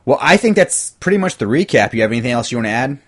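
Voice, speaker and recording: A man's voice: medium pitch, big pitch swings, quick pace, fairly bright tone. A man hosting a casual podcast, talking in a loose, rambling way with frequent restarts and casual swearing, on a desktop mic. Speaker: podcast host. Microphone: desktop USB mic.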